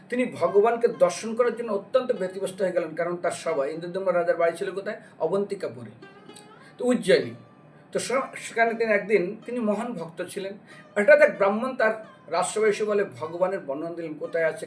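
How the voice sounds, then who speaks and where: High-pitched and a little fast, this male religious storyteller turns a devotional lecture into an animated narrative. He performs the characters' lines and asks his listeners questions, while music plays behind his distantly miked voice.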